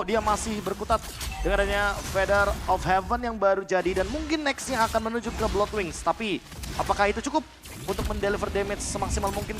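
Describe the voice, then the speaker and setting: Indonesian guy doing esports analysis, talks fast, loud music behind him. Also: high voice. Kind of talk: fast analytical game commentary.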